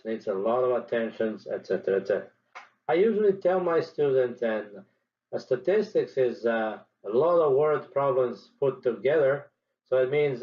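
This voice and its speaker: This is a man, talking through his teaching approach as a statistics professor. He speaks in a measured, deliberate way and pauses between his points. His voice sits at an average pitch, and the recording has a slightly dull, muffled, lo-fi sound. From Serbia.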